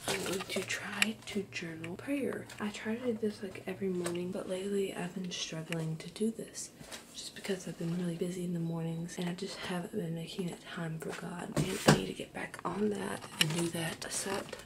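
Woman vlogger, quiet half-whisper, casual chat from a bedroom, noisy take with clicks. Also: lowish voice, fairly even intonation, normal speed. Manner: hushed, half-whispered morning voice. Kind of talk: casual day-in-the-life vlog. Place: her bedroom at home.

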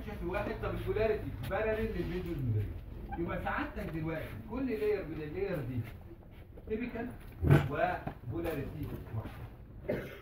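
A man with an Egyptian Arabic accent giving a classroom lecture, asking the class questions and answering them himself, repeating key terms slowly. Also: high voice. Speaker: medical lecturer. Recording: roomy, distant, noisy hall recording.

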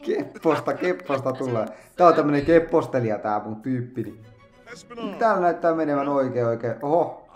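A man's voice: medium pitch, darkish tone, echoey room. A man giving casual, joking commentary as he plays a video game, chatting to his game characters. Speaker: let's play gamer.

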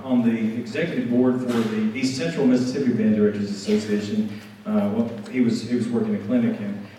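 A man's voice: mid-range voice, darkish tone, a little hiss or hum. A man from Alabama, a band director giving a rambling stage announcement full of fillers and restarts. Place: school auditorium. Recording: echoey hall from far off.

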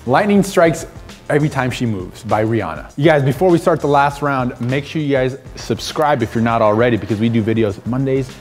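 A man's voice: medium pitch, fairly quick, soft background music. A young man hosting a trivia challenge, upbeat and teasing, laughing often. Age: young adult. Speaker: show host, quizmaster. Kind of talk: energetic video-challenge hosting.

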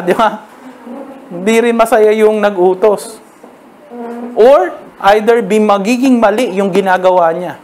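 A man with a Filipino accent preaching a sermon, conversational and peppered with "okay?", reading verses slowly. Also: high voice, slight background noise. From Philippines.

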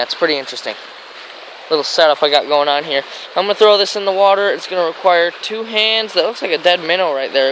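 Standing outdoors on a grassy riverbank, an American man narrates his casual fishing vlog with rambling enthusiasm. His voice is high-pitched and a bit bright, and the handheld camera mic gives a rough recording full of stream and traffic noise.

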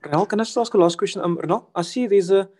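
Male reporter, Afrikaans accent, higher-pitched and quick, courteous questions over a video call. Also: darkish tone. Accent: South African Afrikaans. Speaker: journalist. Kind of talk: asking questions at an online press conference.

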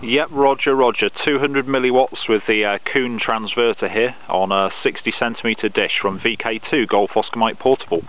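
Outdoors on an open, grassy hilltop, a male amateur radio operator chats during a ham radio contact, reading out call signs procedurally. His mid-range voice is steady, at normal speed with hardly any pauses, and the sound is narrow and phone-like with radio noise.

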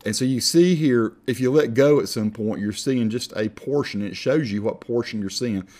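A man with an Appalachian accent giving a casual, folksy, self-deprecating software tutorial as he talks through each step. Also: mid-range voice, moderate pace. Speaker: tutorial instructor.

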